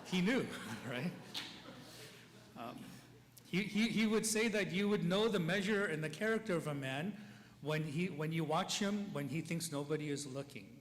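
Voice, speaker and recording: A man's voice: a little high, animated, normal speed. Guy priest doing a funeral eulogy, super conversational, keeps checking in w the crowd, big echoey church, little hiss behind. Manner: conversational, keeps checking in with the listeners, chuckles between stories. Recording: long church reverb, faint ambient noise.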